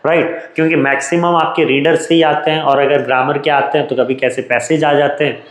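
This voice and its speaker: A man's voice: on the high side, level tone, brisk, roomy sound, rough recording. A man with an Indian English accent, teaching an exam revision lesson in a chatty, joking way.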